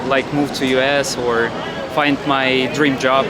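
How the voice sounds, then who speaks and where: A man from Ukraine with a Ukrainian accent, answering a street interview in earnest, halting English. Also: medium pitch, little pitch movement. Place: city street outdoors. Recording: loud street noise.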